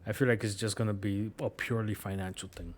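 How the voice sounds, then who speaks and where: A fast talker with a lowish, slightly mellow voice and a steady tone, this New York-accented man chats while streaming a game. He rambles through laid-back stories, swearing along the way.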